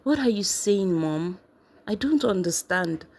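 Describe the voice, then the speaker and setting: A woman voicing an upset teenage girl who speaks in shrill, tearful outbursts. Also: lively intonation, unhurried, a little mellow. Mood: confused pleading.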